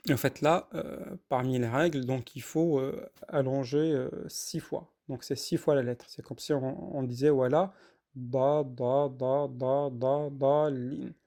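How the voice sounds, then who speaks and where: A man teaching how to read and recite, explaining pronunciation patiently and repeating sounds slowly, with frequent hesitations. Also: mid-range voice, dark tone. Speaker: Quran reading teacher. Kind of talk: spoken lesson with recitation.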